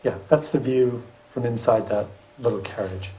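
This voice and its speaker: A man's voice: mid-range voice, normal speed, rough recording. A middle-aged man, a professor and landscape architect, giving a public lecture with slides and dropping wry asides. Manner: lively delivery with wry asides.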